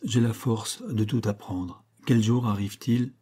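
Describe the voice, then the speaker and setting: A man's voice: fairly low pitch, fairly even intonation, a little slow, mellow, slightly rough. A man reading the part of a young queen who pleads and prays with fervor in an audiobook. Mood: tense. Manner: pleading, fervent. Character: young queen, anguished and devout.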